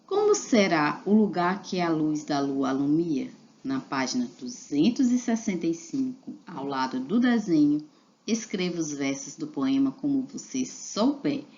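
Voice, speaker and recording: Slow, low-voiced woman teaching children. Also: big pitch swings, darkish tone, dull audio. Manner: slow, patient, spelling out syllables for children. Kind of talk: reading a children's literacy lesson aloud.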